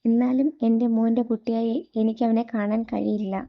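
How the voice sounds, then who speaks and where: Woman reading a nagging worried mom, flat and a bit high, muffled recording. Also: brisk, gravelly. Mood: reproachful. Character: worried, scolding middle-aged mother.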